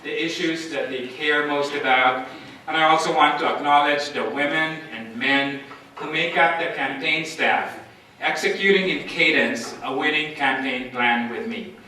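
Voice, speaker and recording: Running for office, a Filipino man gives formal, forceful oratory built around lists, speaking unhurriedly in a slightly high, bright voice. The echoey amateur recording was made from a distance and carries slight background noise.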